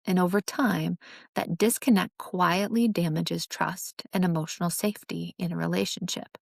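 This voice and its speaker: A woman host gives an earnest teaching monologue about relationships, acting out sarcastic examples to make her points. Her voice is fairly low, creaky and steady, at a moderate pace, captured in a dry, studio-quality recording.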